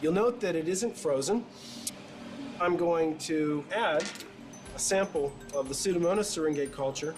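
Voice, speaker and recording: A male scientist explaining things in a measured, precise way for a nature documentary. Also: a little high. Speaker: scientist expert. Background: music under the voice.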